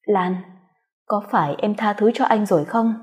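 A woman's voice: medium pitch, normal speed, close to an everyday voice. A woman voicing an injured, remorseful young husband who begs tearfully. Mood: weak. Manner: begging, tearful.

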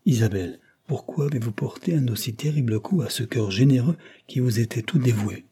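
A man's voice: mid-range voice, brisk, mellow, husky. A man reading an audiobook plays a stern older aristocrat, the count, who lectures and reproaches in a severe tone. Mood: reproachful.

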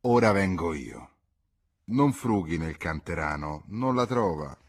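A man voicing a guarded old peasant woman who talks plainly in a storybook reading, with a husky voice. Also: low voice, very animated, a little slow, full character voice.

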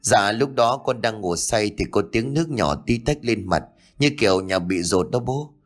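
A man's voice: lowish voice, normal speed, soft background music, natural voice. A man voicing a timid, easily frightened young son who stammers out his fears in an audiobook ghost story. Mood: anxious. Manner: stammering and fearful.

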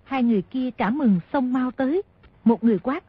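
A woman narrating a martial-arts novel as an audiobook, telling the story at a steady pace. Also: sits high, a little fast, breathy edge, dry recording. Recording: dry, dull lo-fi audio.

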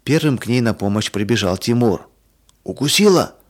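Man calmly reading a children's story. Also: mid-range voice, normal speed. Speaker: narrator.

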